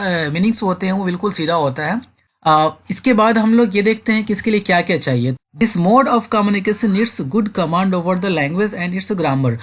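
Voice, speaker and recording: A man teaching a school lesson. He reads English lines slowly and then explains them. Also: sits high. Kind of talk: classroom lecture.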